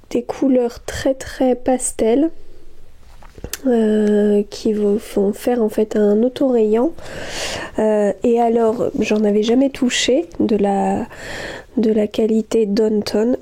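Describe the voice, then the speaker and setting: A woman's voice: on the high side, steady tone, slow pace, warm tone. A woman vlogging from home about her knitting, chatting casually with lots of hesitations and gushing remarks. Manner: hesitant, many fillers and restarts, gushing. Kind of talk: casual chat.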